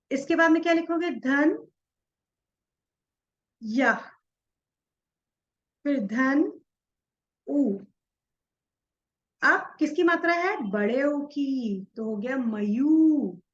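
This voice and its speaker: A woman's voice: high-pitched, lively intonation, muffled recording. A woman teaching a class, asking questions and answering them herself as she spells words out letter by letter. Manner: spells out each letter slowly while writing. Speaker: Sanskrit teacher. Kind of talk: explaining a textbook lesson.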